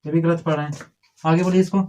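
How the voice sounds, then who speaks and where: A man's voice: a little high, steady tone, fast, a little mellow. A man teaching a grammar lesson to a class, drilling and correcting pupils in a scolding, repetitive way.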